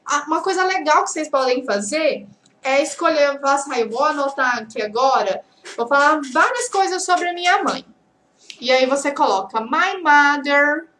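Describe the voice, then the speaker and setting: A Brazilian Portuguese woman teaching English, drilling example phrases slowly and often checking that her students are following. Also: sits high, a bit bright, slight background noise. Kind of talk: online language lesson. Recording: echoey room.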